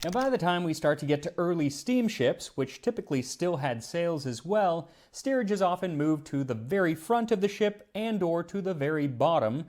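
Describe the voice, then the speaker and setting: Animated higher-voiced man presenting. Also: moderate pace, few pauses. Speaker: host of a food history video show. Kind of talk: scripted presenter narration.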